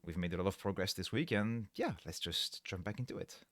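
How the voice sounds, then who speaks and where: A man's voice: low-pitched, sing-song, fairly quick, a bit bright, no echo. A tired man live-streaming his coding work on a headset microphone, thinking aloud step by step and correcting himself mid-sentence as he explains. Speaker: livestreaming programmer. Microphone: livestream headset mic.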